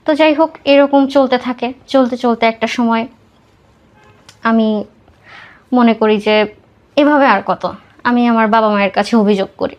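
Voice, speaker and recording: On a podcast, a young Bangladeshi-accented woman tells her life story in a relaxed interview, weaving in English words. Her voice is on the high side, and she speaks unhurriedly with long pauses.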